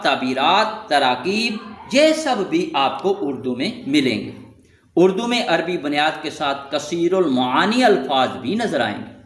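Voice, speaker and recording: Lively high-voiced male teacher, echoey room. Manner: lists words slowly, stressing each one. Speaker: Quranic Arabic teacher. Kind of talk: scripted lesson narration.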